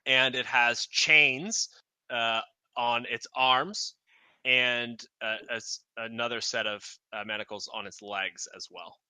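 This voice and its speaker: A man's voice: medium pitch, fairly even intonation, slow, pushed and bright, clean tone, dry recording. A man narrating as game master in a tabletop game, hesitant and full of fillers.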